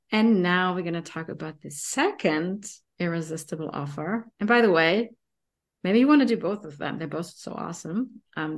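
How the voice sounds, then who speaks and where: A woman with a German accent co-hosting a podcast, chatting in an enthusiastic, conversational way and often tagging sentences with "right?". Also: mid-range voice. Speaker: podcast co-host. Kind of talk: casual podcast chat.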